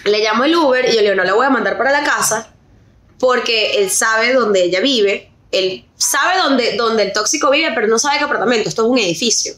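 A young Venezuelan woman with a high voice tells a story on a chatty podcast. She talks in an animated way and slips English words into her Spanish. The room adds a noticeable echo. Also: fairly quick. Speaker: podcast co-host. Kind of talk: casual storytelling chat. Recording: roomy echo.

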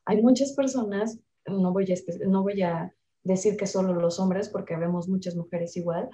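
A young Mexican woman talking casually about emotions, animated and acting out the voices she quotes. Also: mid-range voice, normal speed, echoey room, slight background noise. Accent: Mexican Spanish.

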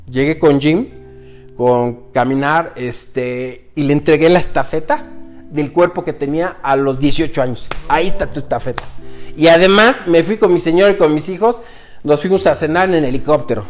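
A man in his fifties with a Mexican Spanish accent, telling his personal story as an interview guest in an emphatic, animated way that acts out quoted dialogue. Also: fairly high pitch. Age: 50s.

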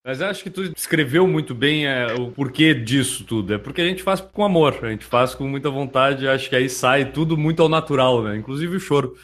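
A man hosting an interview, talking in a relaxed, reflective way. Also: medium pitch, a little fast, hardly any pauses. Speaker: host. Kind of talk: casual interview chat.

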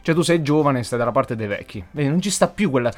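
A man's voice: mid-range voice, expressive. A man co-hosting a casual podcast, joking crudely and talking over his partner. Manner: fast, joking, crude, interrupts. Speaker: podcast co-host.

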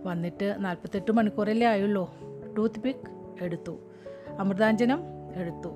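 Woman, story reader, wry steady narration, mid pitch, background music. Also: normal speed. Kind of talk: scripted narration of a short story. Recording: music playing behind.

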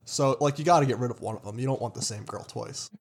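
A man's voice: medium pitch, fast, husky. A man chatting casually, giving wry, opinionated takes. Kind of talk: casual chat.

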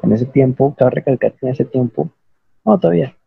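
A man's voice: mid-range voice, fairly quick, gravelly, breathy edge, narrow, tinny audio. A young man with a Mexican accent telling a rambling, slangy, self-mocking story to friends on a call.

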